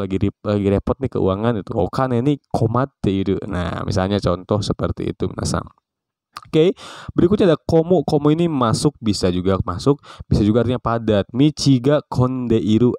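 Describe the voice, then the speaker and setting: A man teaching a casual vocabulary lesson, calling out each new word brightly and explaining it with relaxed, chatty example sentences. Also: medium pitch, smooth, dry recording. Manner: relaxed, chatty, frequent fillers. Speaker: Japanese language teacher.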